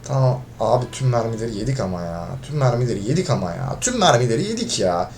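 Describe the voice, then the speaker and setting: Medium in pitch, very animated and fast, a man commentates his own gameplay against a little hiss or hum. This gaming video creator turns frustrated, swears at teammates, and shouts whenever he loses.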